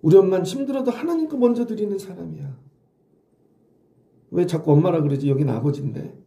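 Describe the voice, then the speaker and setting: A man's voice: high voice, brisk, gravelly, warm tone, roomy sound. A middle-aged male pastor giving an early-morning sermon in a conversational way, often asking the congregation questions. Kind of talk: dawn sermon.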